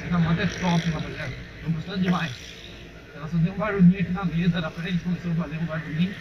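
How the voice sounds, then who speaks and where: At a quick pace and with fairly even intonation, a young Brazilian motovlogger with a fairly high pitch chats to viewers he calls "rapaziada". He's riding a motorcycle on a dirt road, speaking Brazilian Portuguese into a helmet-mounted action camera whose recording is muffled by engine and wind noise.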